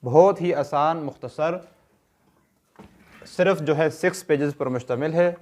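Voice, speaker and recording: A man's voice: fairly high pitch, unhurried, a little mellow. A man with a Pakistani Urdu accent teaching a tajweed lesson, patiently asking questions and answering them himself. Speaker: Quran recitation teacher.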